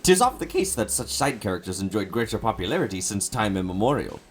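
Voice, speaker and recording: Brief: low-voiced man playing a prim woman of ornate old speech, raised and loud in a game reading. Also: big pitch swings, quick pace, faint music behind. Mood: pompous. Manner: archaic, ornate phrasing. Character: stiff, formal woman fond of old-fashioned speech.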